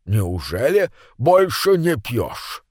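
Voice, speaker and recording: A man's voice: mid-range voice, huge pitch swings, takes it slowly, darkish tone, breathy edge, no room sound, clean studio sound, full character voice. A man doing a sly, drawling old uncle. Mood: teasing. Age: older.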